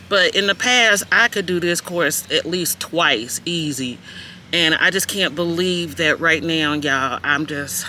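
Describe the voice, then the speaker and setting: A woman's voice: lowish voice, bright, forceful tone, a little hiss or hum. A woman in her fifties chatting casually to her viewers in a self-filmed vlog, recorded on a phone at a park and in her car. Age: 50s. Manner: chatty, talks straight to viewers, many fillers. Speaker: vlogger. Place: outdoors at a park and in a parked car.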